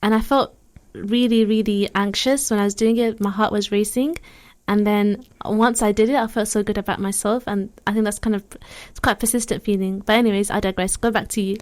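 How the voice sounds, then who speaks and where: A young woman co-hosting a casual radio chat, reflective and supportive, with quick asides. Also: medium pitch, steady tone. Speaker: radio co-host.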